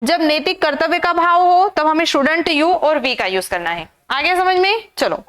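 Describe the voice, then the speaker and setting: Indian woman teacher, very high voice, drills exam grammar with repeated questions. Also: expressive, a little slow, a bit bright. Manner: repetitive drilling with rhetorical questions. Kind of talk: exam-prep grammar lesson.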